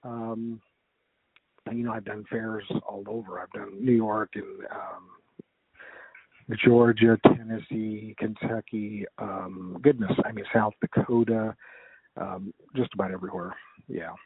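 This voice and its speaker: A middle-aged American man chatting casually as an interview guest over the phone, recalling things in a rambling, halting way. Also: lowish voice, fairly even intonation, husky, dry recording. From United States. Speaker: guest, comedic ventriloquist. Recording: narrow, dull radio-like phone line.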